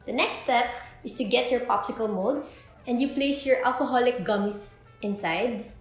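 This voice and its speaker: A woman in her 20s hosts a drink recipe video, walking through a step-by-step drink tutorial in an indoor kitchen with bare walls. Her voice is on the high side and her pace is moderate. The room is echoey, and music plays in the background.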